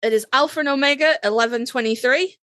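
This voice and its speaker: A podcast co-host with a Yorkshire accent chats bluntly through a ranked countdown of fan opinions, swearing freely and piling on dramatic emphasis. Her voice is high-pitched, quick and fairly bright, with no echo.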